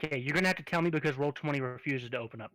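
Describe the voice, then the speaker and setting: A man's voice: fairly high pitch, rapid-fire, a bit bright. A man running a tabletop game in a casual, jokey way, with some swearing. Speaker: game master.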